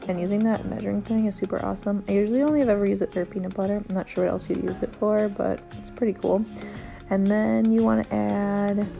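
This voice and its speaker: A young woman talks through a baking video in a loose, chatty way, drifting into upbeat asides. Her voice is mellow with a strong gravelly fry. It is recorded on a phone at home, with faint music underneath. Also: medium pitch, little pitch movement, quick pace. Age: young adult. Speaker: vlogger. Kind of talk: casual baking vlog narration. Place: living room couch, then home kitchen.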